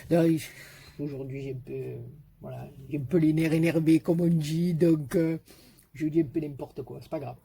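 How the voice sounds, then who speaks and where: A woman with a Marseille French accent hosting a casual scrapbooking tutorial, chatty and joking, and repeating the measurements slowly. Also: low voice, fairly even intonation, vocal fry, warm tone, husky. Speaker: scrapbooking video host.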